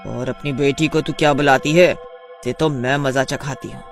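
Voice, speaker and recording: A man voicing a cruel, bossy witch daughter-in-law in a cartoon story, shouting threats and orders. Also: mid-range voice, fairly even intonation, normal speed, creaky, soft background music, close to an everyday voice. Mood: scolding, menacing. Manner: loud, scolding, threatening.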